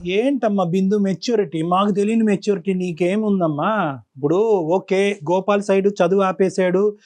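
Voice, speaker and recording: A man's voice: sits high, normal speed, darkish tone. A man hosting a counseling talk show, probing the guests with pointed questions. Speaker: counselor host.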